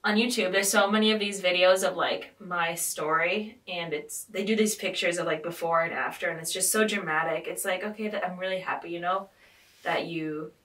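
A woman's voice: fairly low pitch, fairly even intonation, normal speed, fairly bright tone. A woman hosting a casual podcast chat, rambling with lots of fillers and "like". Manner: rambling, filler-heavy, frequent "like". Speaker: podcast host. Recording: roomy, distant mic.

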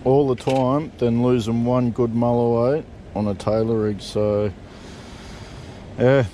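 A man's voice: mid-range voice, fairly even intonation, slow, warm tone, a little hiss or hum. Laid-back swearing Australian man. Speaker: fishing vlogger. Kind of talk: casual how-to chat. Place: back of a parked vehicle outdoors. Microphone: point-of-view body camera.

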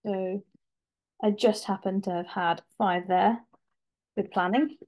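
Woman presenter, mid-pitched, casual and chatty, speaking over a laptop mic at home for a webinar. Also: steady tone, slow, highs cut off. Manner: chatty, informal, with fillers and restarts. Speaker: craft presenter. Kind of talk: live webinar demonstration.

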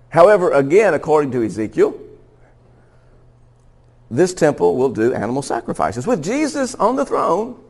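A man's voice: on the high side, very animated, unhurried, creaky, pauses often, darkish tone. Conversational male pastor teaching. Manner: conversational, laughs often, restarts and stumbles. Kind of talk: sermon teaching.

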